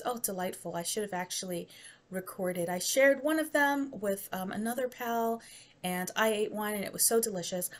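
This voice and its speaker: Chatty american lady doing a snack taste test on camera, rambly, laughs a lot. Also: on the high side. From United States. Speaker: vlogger. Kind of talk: casual taste-test vlog.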